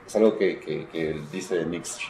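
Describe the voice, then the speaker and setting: A man with a Uruguayan accent is interviewed as a writer in a conversational literary discussion, reflective and digressive, often searching for the right word. His voice sits low and warm at a measured pace. The recording has a roomy echo and noticeable background noise.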